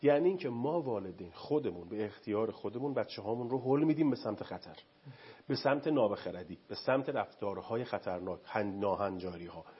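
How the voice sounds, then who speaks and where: A man speaks as a studio guest, lecturing on parenting with one example after another. His pitch swings widely and the voice has a husky edge. The sound is dull and lo-fi, like a television broadcast. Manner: animated, lecturing with lists and examples. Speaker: family counseling guest expert. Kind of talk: studio talk show explanation.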